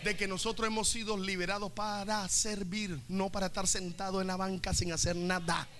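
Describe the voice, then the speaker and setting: A male pastor, preaching an animated, comic sermon and calling on the congregation to respond. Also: high voice, moderate pace, slight background noise. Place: church service.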